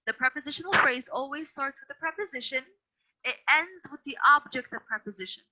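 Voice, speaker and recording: Teacher lady correcting kids over a video call, high bright voice, kinda muffled. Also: animated, a little fast. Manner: patient but firm, repeats and corrects students. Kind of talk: online grammar lesson. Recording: dull lo-fi video call audio.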